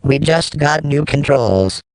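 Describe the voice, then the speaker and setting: A man's voice: fairly high pitch, animated, slow, creaky, very noisy, exaggerated voice. A man voicing a cocky rival machine in scripted cartoon dialogue.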